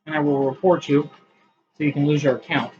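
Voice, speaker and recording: A man's voice: on the high side, fairly even intonation, a little fast, highs cut off, faint music behind. A man reading his own poems aloud in a casual vlog, with rambling, self-mocking asides between them.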